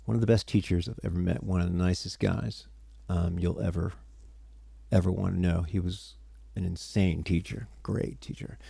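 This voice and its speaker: A man's voice: sits low, steady tone, normal speed, creaky, dark tone, husky, no room sound. A tired man teaching music theory on a casual livestream, rambling and breaking off mid-sentence as he chats with viewers. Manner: rambling, self-interrupting, chatty with viewers.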